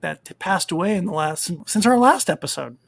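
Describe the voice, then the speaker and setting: Gravelly, dry-voiced podcast host. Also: male voice, high voice, normal speed, no echo. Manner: relaxed and rambling, with fillers while reading down a list. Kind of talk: casual chat.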